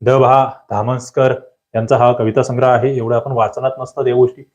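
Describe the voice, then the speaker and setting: A man giving an online exam-prep lecture, drilling grammar questions with lively, rising emphasis and questions to his students. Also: mid-range voice, fairly quick.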